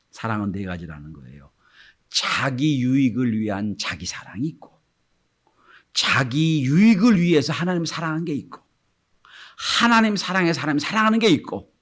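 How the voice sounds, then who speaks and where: A middle-aged man preaching a Sunday sermon in a lively, animated voice. He reads scripture with slow weight. He jumps between loud, emphatic bursts and hushed, near-whispered lines. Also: medium pitch. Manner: reads scripture slowly and deliberately. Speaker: pastor.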